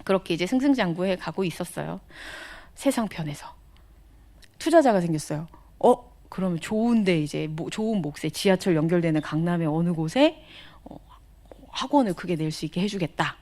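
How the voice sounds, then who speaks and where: A woman missionary giving a testimony sermon in a conversational, animated storytelling manner, sometimes dropping to whispered asides. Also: on the low side, normal speed. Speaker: missionary speaker.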